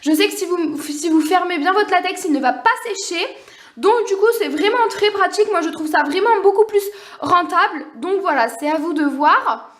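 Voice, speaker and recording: A young woman with a very high voice walks through nail art tips in a loose, unscripted way. She talks fast, fills gaps with hesitations and apologizes often. The sound bounces around an echoey room. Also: animated. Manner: quick, unscripted, full of fillers and apologies. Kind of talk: casual tutorial talk.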